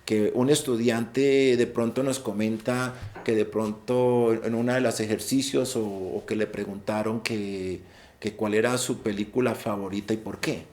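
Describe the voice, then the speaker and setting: A man speaks fairly low and a bit slowly, with a darkish tone and fairly even intonation. His Colombian Spanish accent comes through as he counsels students in a virtual session about an English exam, explaining rules, going over key points again, repeating and restarting words, and stressing what matters most.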